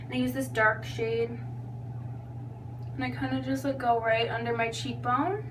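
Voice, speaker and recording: A woman's voice: on the high side, level tone, unhurried. A young woman giving a casual, chatty tutorial in a loose, tipsy, giggly and self-deprecating manner. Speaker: makeup tutorial vlogger. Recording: distant mic with background noise and hum.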